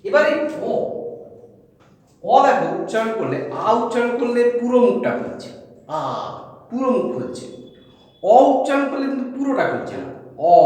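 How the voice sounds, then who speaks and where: A man teaching a lesson on vowel sounds, repeating each sound slowly and checking again and again that his students follow. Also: fairly high pitch, darkish tone. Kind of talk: spoken grammar lesson on vowels. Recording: very echoey room with long reverb.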